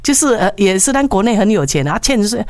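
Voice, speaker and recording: A woman's voice: mid-range voice, sing-song, fast, no room sound, studio quality. A woman with a Taiwanese accent co-hosting a casual radio chat, speaking colloquially and emphatically with repeated phrases and frequent tag particles. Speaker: radio co-host. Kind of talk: casual call-in radio chat mixing Mandarin and Taiwanese Hokkien.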